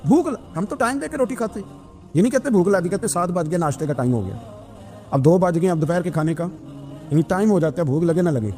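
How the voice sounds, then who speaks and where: A man preaching an emotional sermon, telling stories and voicing the people in them, moving between soft and raised delivery. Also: sits high, lively intonation, a little fast. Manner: storytelling, voicing figures in quoted dialogue.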